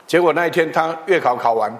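High-voiced pastor in a hall. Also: male voice, fast. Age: middle-aged. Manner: animated, chatty, with tag particles and restarts. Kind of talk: storytelling sermon. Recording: long hall reverb.

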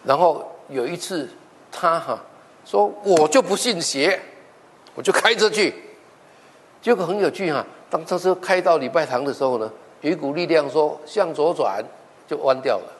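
A man's voice: a little high, moderate pace. Male pastor, sermon storytelling that acts out the dialogue, in a reverberant church hall. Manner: animated storytelling, acting out quoted dialogue.

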